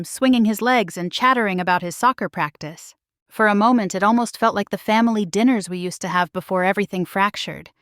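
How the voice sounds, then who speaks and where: A woman narrating a dramatic first-person story in a measured, emotional way. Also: mid-range voice, no echo, studio quality.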